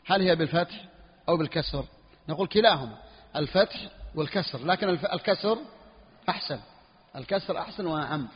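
A man teaching a religious text in a classroom lesson, repeating phrases slowly for his students. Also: fairly high pitch, husky. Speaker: Islamic scholar teaching a book. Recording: dull lo-fi recording in a reverberant hall.

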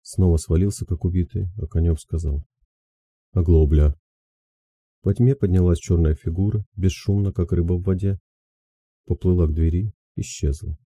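A man narrating classic prose in a calm, measured audiobook reading. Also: low-pitched, breathy edge, dry recording.

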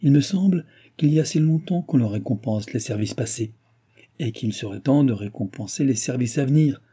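A man's voice: mid-range voice, normal speed, dark tone, slightly rough, natural voice. A man voicing a witty, flirtatious royal mistress in an audiobook, raised and coaxing. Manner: playful, coaxing.

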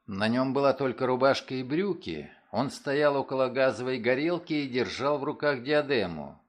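A man reading a first-person story aloud, with dramatic, expressive delivery. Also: medium pitch, moderate pace. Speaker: audiobook narrator. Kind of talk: first-person scripted narration.

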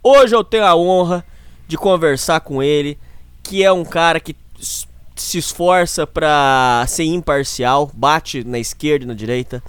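Brazilian male host with a clean, smooth voice. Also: a little high, measured pace, a bit bright, dry recording. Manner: tongue-in-cheek macho bravado, repetitive. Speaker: show host. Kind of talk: casual spoken introduction.

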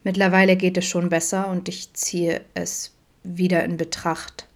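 A woman voicing Vincent, a grown man who chats openly and teases his friends, read in her own fairly low voice. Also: little pitch movement, unhurried. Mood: wistful. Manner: chatty, teasing. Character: adult man, camp cook, open and teasing.

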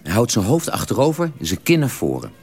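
A man in a radio drama telling a long, detailed story at the dinner table in a measured, drily precise way. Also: medium pitch, wildly swooping pitch, darkish tone, husky, heavily acted. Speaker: character telling an anecdote at a family dinner.

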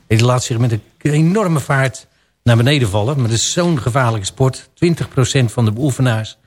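A man's voice: medium pitch, brisk, a little mellow. Chatty male radio presenter. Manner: chatty, laughs while telling odd facts. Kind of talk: casual radio chat. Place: local radio studio.

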